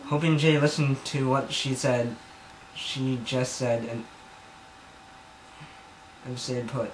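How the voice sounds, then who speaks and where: Here a man slowly reads fan fiction aloud as comic drama, his mid-range voice fairly even in intonation. As an amateur reader at home in his bedroom, he rambles, sounds self-conscious and often stumbles. The camera mic records an echoey room with background noise.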